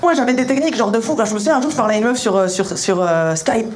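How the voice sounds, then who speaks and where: A young man performing punchy stand-up comedy in colloquial, slangy language, telling animated stories and acting out dialogue. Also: high-pitched, fast talker. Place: live comedy venue. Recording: live show recording with clear noise.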